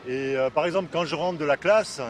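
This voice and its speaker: Guy telling his story outdoors, halting and earnest, street noise and traffic behind. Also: on the high side. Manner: earnest, hesitant, many restarts. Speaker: volunteer French teacher. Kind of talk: personal testimony. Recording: noisy street recording.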